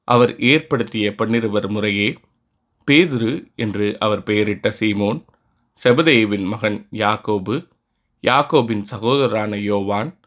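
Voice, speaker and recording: A man reads the daily scripture passages in a measured, solemn liturgical style. His voice sits somewhat low, and his steady pacing suits reading aloud in church. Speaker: scripture reader.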